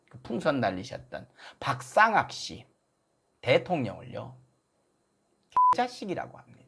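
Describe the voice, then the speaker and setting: A man's voice: on the high side, slightly rough. A man giving a political commentary monologue, full of sarcastic, mocking rhetorical questions.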